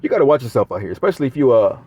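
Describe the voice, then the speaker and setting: A man's voice: medium pitch, very animated, very fast, warm tone, slightly rough, muffled recording. A man talking straight to his viewers in a casual monologue, rambling and swearing often. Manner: profane, rambling. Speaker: vlogger.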